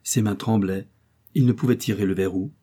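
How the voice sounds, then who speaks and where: Man, literary narration, mellow tone, husky, expressive, measured. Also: on the low side. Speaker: audiobook narrator.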